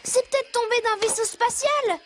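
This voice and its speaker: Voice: very high-pitched, moderate pace, fairly bright tone, slight background noise. An actor voicing a laid-back, mischievous and goofy young male ape in a cartoon, playful and exclamatory. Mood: puzzled, indignant. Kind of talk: cartoon dub acting.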